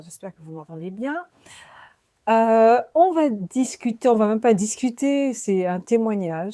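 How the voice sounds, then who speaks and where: A woman in her forties from French Guiana hosts her own podcast and tells a personal faith testimony. She speaks slowly and reflectively, with earnest sincerity, and her voice has a mellow, warm tone. The recording is dry and close to the microphone. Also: mid-range voice, dry recording. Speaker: podcast host.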